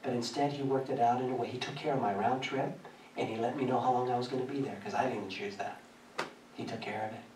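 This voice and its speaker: A man preaching a sermon, telling a personal story in a lively way and often laughing as he speaks. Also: medium pitch, quick pace, background noise. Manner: animated, laughing through his story. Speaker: pastor. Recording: echoey church from a distance.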